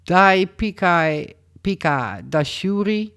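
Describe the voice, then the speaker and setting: A woman's voice: lowish voice, animated, slow pace, a bit bright, clear, resonant tone. A woman vlogger giving a casual news roundup, reading long lists of names aloud and stumbling over them as she goes.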